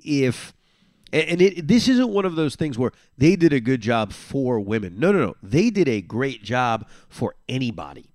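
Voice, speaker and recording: A man's voice: medium pitch, no room sound, clean studio sound. A man hosting a solo podcast, talking casually and sarcastically, repeating phrases for emphasis. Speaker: podcast host.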